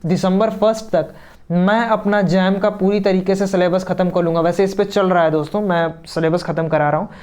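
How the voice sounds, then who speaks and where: Smooth-voiced young man giving exam advice. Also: sits high, fairly even intonation, brisk, darkish tone. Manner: chatty, advising, keeps saying 'friends' and 'right?'; mixes English words and phrases into Hindi. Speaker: exam coaching teacher. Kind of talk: online exam-prep lesson.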